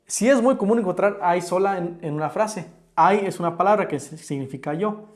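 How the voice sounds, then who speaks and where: A man presents an online English lesson in a high voice. He works through each rule patiently and step by step, pausing on example words. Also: lively intonation. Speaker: English teacher. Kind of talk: explaining an online pronunciation lesson.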